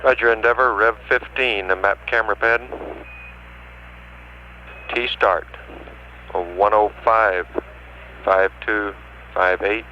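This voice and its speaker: A man's voice: fairly low pitch, steady tone, slow, pauses often, muffled recording, slight background noise. A man at mission control speaking in clipped, formal radio procedure over an archival space radio link. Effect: space radio transmission. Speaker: mission control capsule communicator. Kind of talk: procedural radio communication, reading out numbers.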